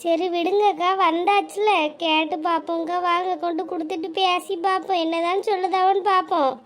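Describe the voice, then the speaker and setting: A woman doing a gentle young village woman. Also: very high voice, steady tone, a little fast. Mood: persuading. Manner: polite, soft, calls others elder sister.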